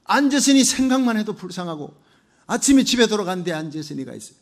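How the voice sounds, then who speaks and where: A male pastor delivers a Sunday sermon with fervent conviction, building rhythmic lists of repeated phrases. His voice sits high and moves expressively, swooping from loud proclamations down to quiet, low-spoken asides. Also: big pitch swings, fast talker. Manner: fervent preaching, swinging from loud declarations to hushed low asides.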